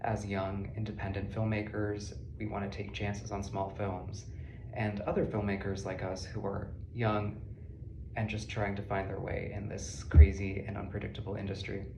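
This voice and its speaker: A young man in his twenties, a film student, delivering a prepared introduction in a flat, even way. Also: fairly low pitch, moderate pace. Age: 20s. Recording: roomy echo with clear background noise.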